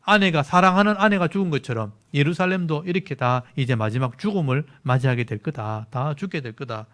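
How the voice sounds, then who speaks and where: A man's voice: on the high side, brisk, a bit bright. A male pastor preaching an expository midweek sermon, reading verses aloud and explaining them plainly to his congregation. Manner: explains scripture plainly, reads verses aloud, asks listeners to look at verses.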